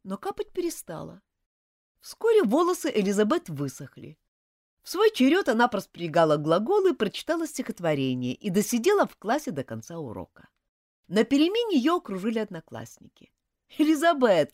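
Female storybook narrator, expressive and very animated, dry close-miked sound. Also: mid-range voice, fairly quick, no room sound. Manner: animated, dramatic reading. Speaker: audiobook narrator.

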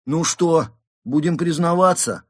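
A man voicing a blustering male moose police inspector who barks accusations and often shouts, with a husky tone. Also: on the high side, a little slow, no room sound, studio quality, pitched above the performer's own voice. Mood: bellowing. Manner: barking, raises voice to shout.

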